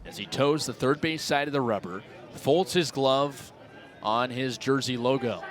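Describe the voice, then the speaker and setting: Stadium crowd sounds and music fill the background as a twenty-something man delivers radio play-by-play of a baseball game at an outdoor ballpark. He speaks at medium pitch and an unhurried pace.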